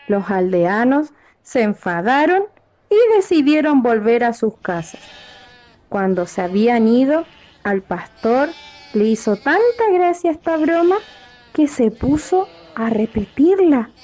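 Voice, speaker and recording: Slow-reading woman storyteller. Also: a little high, lively intonation, muffled recording. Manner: slow, clear, addresses children directly. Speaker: children's storyteller. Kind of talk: children's story narration. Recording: narration over loud background music.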